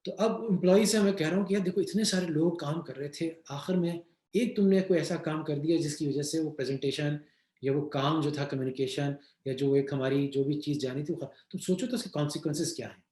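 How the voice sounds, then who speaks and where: A man's voice: fairly high pitch, mellow. Pakistani man lecturing in an echoey room. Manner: conversational, mixes English phrases, gives homely examples. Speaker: webinar speaker on leadership. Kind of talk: lecture answering questions. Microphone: video call.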